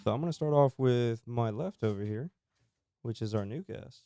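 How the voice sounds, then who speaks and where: A man's voice: mid-range voice, moderate pace, dark tone, clear, resonant tone, no echo, studio quality, soft background music. A man hosting a casual podcast, talking in laid-back slangy banter with his guests. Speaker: podcast host. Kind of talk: casual chat. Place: small studio room with guests.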